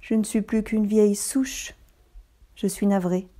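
A loving old tree from a children's storybook, coaxing and tender, given voice by a woman reading aloud. The tone stays mellow and warm, lifted a little above the reader's plain voice. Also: medium pitch, flat delivery, a little slow, lightly acted. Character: generous loving old tree, gentle and giving.

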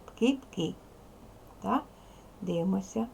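A woman's voice: mid-range voice, expressive, takes it slowly, creaky, warm tone, breathy edge, poor audio. A woman teacher giving a video lesson to young pupils, carefully over-pronouncing sounds and giving instructions. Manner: addresses pupils with instructions and questions. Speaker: primary school teacher. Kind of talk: video language lesson for children.

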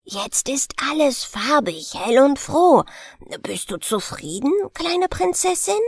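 Woman doing a proud eager sunbeam, soft and half whispered, lively rising tones, storybook reading. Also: sits high, slow pace, no echo, clean studio sound, pitched above the performer's own voice, exaggerated voice. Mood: proud gentle.

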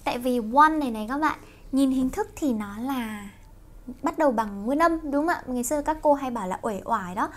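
A young Vietnamese woman teaching English through songs, explaining quickly and slowing down to sing lines. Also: high-pitched, lively intonation. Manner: quick explanations broken by slow sung lines. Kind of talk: song-based English pronunciation lesson.

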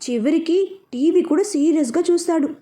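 A woman's voice: very high voice, moderate pace, dark tone. A woman voicing a frank, irritable young bride complaining on the phone. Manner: complaining, exasperated.

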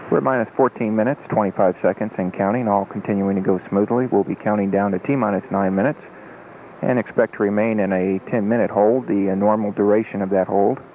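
A man giving calm, matter-of-fact official countdown commentary, with hesitant pauses. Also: on the low side, phone-quality sound. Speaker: launch countdown public affairs commentator. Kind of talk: measured official live commentary. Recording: thin 1980s broadcast feed with faint noise.

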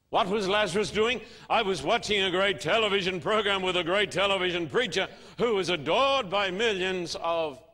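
A man's voice: sits high, bright, forceful tone. A man preaching a sermon, emphatic and fond of rhetorical questions. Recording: long hall reverb.

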